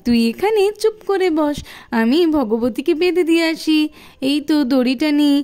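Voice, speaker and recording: Woman voicing an eager caring schoolgirl, doll cartoon, high-pitched, pleading manner. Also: lively intonation, moderate pace, darkish tone.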